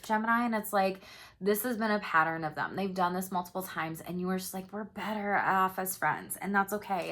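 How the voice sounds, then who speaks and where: A woman's voice: medium pitch, bright, forceful tone, a little hiss or hum. A young adult woman giving a casual tarot reading to camera, chatty and upbeat, swearing easily and laughing often. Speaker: tarot reader.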